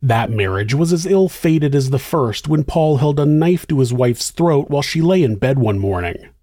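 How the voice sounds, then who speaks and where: A man narrating a true crime show as its host, in a suspenseful, measured and grave scripted storytelling style. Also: medium pitch, expressive, mellow, no echo, clean studio sound.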